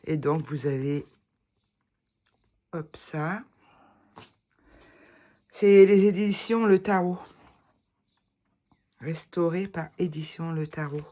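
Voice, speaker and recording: A woman's voice: sits low, takes it slowly, pauses often, mellow. A woman chatting casually to the camera as she shows off her tarot decks, rambling and full of hesitations and restarts. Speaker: vlogger showing tarot decks. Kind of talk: casual chat.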